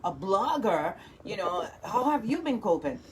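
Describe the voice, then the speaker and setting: A woman's voice: mid-range voice, sing-song, unhurried, low-quality recording. A woman hosting a morning radio show from the studio, upbeat and encouraging, with frequent affirmations. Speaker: radio host.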